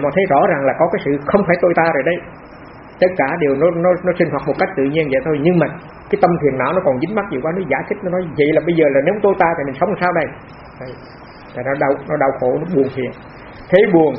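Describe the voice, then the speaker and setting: A man, a monk giving a plain, repetitive, conversational Dharma talk at a meditation retreat. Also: a little high. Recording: dull lo-fi talk recording with faint noise.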